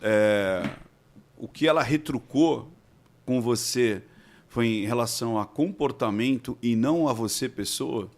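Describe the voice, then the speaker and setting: A man, speaking as an expert guest in a relaxed interview. His pitch sits in the middle range, and he explains step by step, often pausing to ask whether his listener follows. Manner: explanatory, keeps checking with rhetorical questions. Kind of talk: casual interview conversation.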